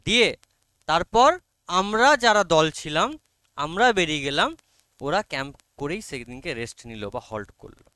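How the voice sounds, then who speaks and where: Bengali-accented male teacher, bright clear voice. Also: on the high side, expressive, no echo. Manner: coaxing, repeatedly checks understanding, reads English lines very slowly. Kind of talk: online class explaining an English text.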